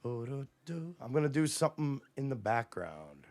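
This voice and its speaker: Male streamer, profane, combative, lively swings in pitch, slow delivery, dry close sound. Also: dry recording. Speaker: livestream host. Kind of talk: casual livestream rant to chat.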